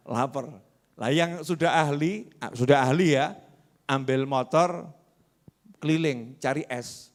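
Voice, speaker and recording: A man with a Javanese accent preaching a sermon in a mosque, lively and quizzing the congregation. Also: medium pitch, slow, pauses often. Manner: lively, asks the congregation questions.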